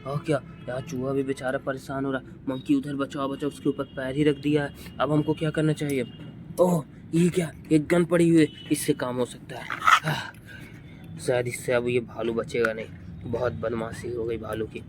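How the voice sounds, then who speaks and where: A man narrating a toy play for children, excited and talking directly to the kids watching. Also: mid-range voice, normal speed, noisy background. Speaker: children's channel host.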